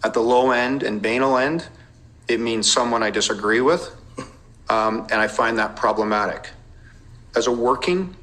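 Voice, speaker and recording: Bright-voiced policeman testifying under cross-examination. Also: medium pitch, low-quality recording. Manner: measured, precise, careful wording with legal references. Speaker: police intelligence officer testifying as a witness.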